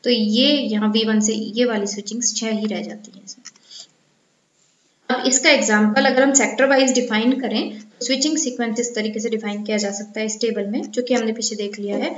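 Indian woman lecturer, methodical explainer, fairly high voice, dull lo-fi recording. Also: steady tone, fairly quick. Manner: explanatory, mixing Hindi and English terms. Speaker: university lecturer. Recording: echoey, dull lo-fi room recording.

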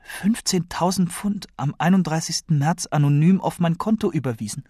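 A man voicing a worried, insistent woman who keeps questioning a boy, with a raised, husky voice. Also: on the high side, moderate pace, mellow, no room sound, clean studio sound, pitched above the performer's own voice. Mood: probing, upset. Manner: pleading, probing questions.

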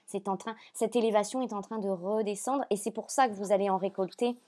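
A French woman giving a spiritual card reading to the viewer, speaking softly and hesitantly, often repeating phrases with many fillers. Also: medium pitch, steady tone, fairly quick. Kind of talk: channeled reading, addressing viewer.

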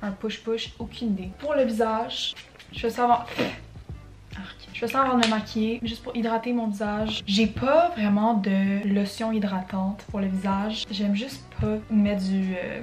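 Roomy-sounding young Québécoise chatting casually. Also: female voice, mid-range voice. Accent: Quebec French. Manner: chatty, mixes in English slang and swears. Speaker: beauty vlogger. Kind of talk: casual get-ready-with-me chat. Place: at home in front of a mirror. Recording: roomy echo, faint music.

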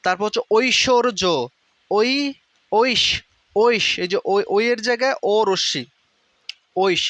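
A young man teaching a pronunciation lesson, repeating each word slowly to drill it. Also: high-pitched, a bit bright, no echo.

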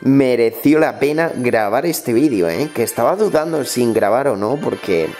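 Soft-spoken man commenting a game. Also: medium pitch, moderate pace, faint music behind. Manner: talks quietly and a little oddly, ASMR-style; excitable, bursts out loud at big plays. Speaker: gaming streamer.

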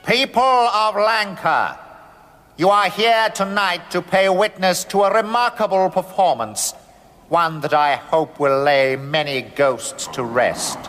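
A man's voice: high voice, slow pace, fairly bright tone, soft background music. A grandiose theatre showman. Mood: grand. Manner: theatrical, declamatory. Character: grand theatre company leader addressing the crowd. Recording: long hall reverb.

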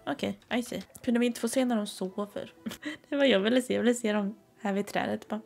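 A chatty young woman from southern Sweden talks through her gameplay, giggling often and gushing over what she sees. Her voice carries a gravelly, creaky texture at a middle pitch. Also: a little mellow, faint music behind. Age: 20s. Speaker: gaming streamer. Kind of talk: casual gameplay commentary.

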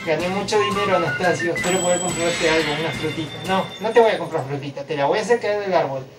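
Man, high voice, excited gameplay commentary, chanting cheers, distant camera mic, loud game music behind. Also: fast talker. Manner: loud, chanting repeated cheers while moving. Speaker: gamer filming himself.

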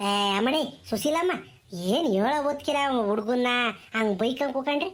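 A kindly old village grandmother, put on by a woman in a voice well below her own, coaxing softly in a rural Tumakuru Kannada accent. She murmurs gentle consolation in a comedy skit. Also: sits high, lively intonation, a little fast, voice pushed down. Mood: chiding.

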